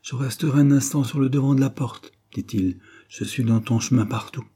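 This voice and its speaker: A man's voice: medium pitch, normal speed, mellow, slightly rough, voice pushed up, natural voice. A man voicing a meek, timid little working man who speaks plaintively and hesitantly.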